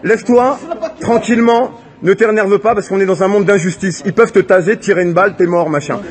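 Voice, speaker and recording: A man filming an arrest on his phone outdoors, shouting and pleading, telling the police to let the man go and urging him to stay calm. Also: high-pitched, brisk. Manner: pleading, repeats himself, calls out to the police and a crowd. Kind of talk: shouted street protest. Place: outdoors in a city street. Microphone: phone camera held while filming. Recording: amateur phone video with a crowd around. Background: crowd of onlookers.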